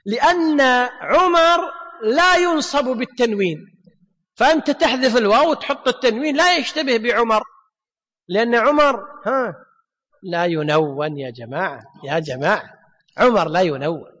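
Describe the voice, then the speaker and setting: Male grammar teacher, high voice, quick quizzing questions, slow drawn-out examples, long hall echo. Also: a bit bright. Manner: drawls example words slowly. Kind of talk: classroom grammar lesson.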